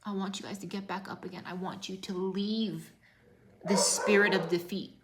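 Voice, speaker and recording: A woman's voice: mid-range voice, steady tone, moderate pace, very noisy. A woman fitness coach giving an emotional motivational talk on a livestream, repeating key lines and dropping to whispers for emphasis.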